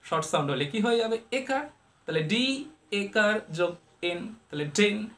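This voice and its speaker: A medium-pitched, somewhat bright voice with lively intonation, at normal speed, leads an online pronunciation lesson step by step. Playful and full of questions, the teacher mixes Bengali and English often and treats the vowels as if they had human personalities.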